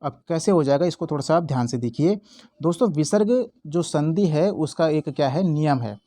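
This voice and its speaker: Higher-pitched man explaining exam questions. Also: lively intonation, moderate pace, mellow, dry recording. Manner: repetitive, checks in often with "theek hai". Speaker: exam-prep teacher. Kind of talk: explaining quiz answers.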